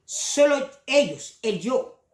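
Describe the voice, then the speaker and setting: A woman's voice: sits high, lively intonation, slow, echoey room. Impassioned woman preaching a sermon. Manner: impassioned, mimics other preachers mockingly.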